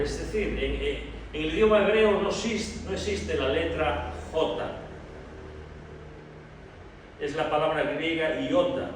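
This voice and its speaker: A man from preaching an expository sermon to a congregation, emphatic and slowing down to stress key phrases, calling them brothers. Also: on the high side. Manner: addresses the congregation directly as brothers. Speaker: pastor. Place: church hall. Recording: echoey hall from far off, faint noise.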